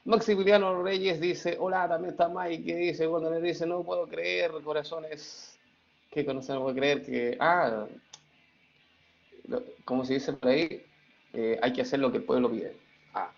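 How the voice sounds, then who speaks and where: A middle-aged man teaching over a video call, joking with his students before explaining the material. His voice is a little high and gravelly. The sound is dull and lo-fi. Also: fairly even intonation, unhurried. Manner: reads student chat aloud, playful. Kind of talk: online class lecture.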